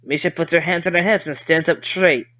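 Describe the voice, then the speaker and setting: A man's voice: fairly high pitch, fairly even intonation, fairly quick, pushed and bright, highs cut off. A man reading a visual novel aloud as a streamer, casual and conversational, cursing at his slips and rereading lines.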